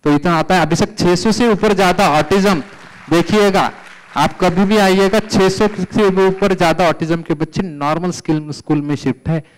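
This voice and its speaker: Man, middle-aged, lecturer, animated conference talk, fairly high pitch, smooth voice. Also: normal speed, rough recording. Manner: animated, mixes English terms and Sanskrit verses. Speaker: Ayurveda lecturer. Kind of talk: conference lecture with case stories. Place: conference hall.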